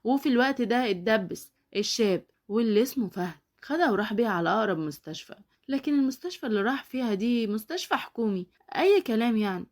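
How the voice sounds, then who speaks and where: Egyptian female storyteller, quick and conversational, slightly high-pitched. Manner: lively, conversational telling. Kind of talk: storytelling narration.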